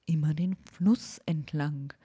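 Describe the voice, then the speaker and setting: A woman voicing a wise old male owl in a whispered role-play, talking slowly and hooting between words. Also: deep voice, fairly even intonation, mellow, slightly rough, heavily acted. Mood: drowsy, knowing.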